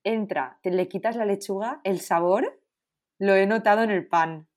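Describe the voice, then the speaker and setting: Mujer española que se queja con énfasis. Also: female voice, medium pitch, moderate pace, a little mellow. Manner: emphatic, candid, complains at length. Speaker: podcast co-host. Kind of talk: casual chat.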